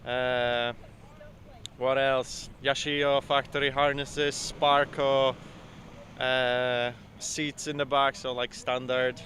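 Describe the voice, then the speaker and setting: Bright-voiced man from Poland. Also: mid-range voice, slow, slight background noise. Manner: relaxed, hesitant, many "uh"s. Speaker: drift driver. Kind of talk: casual interview answers. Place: outdoors at a drift event.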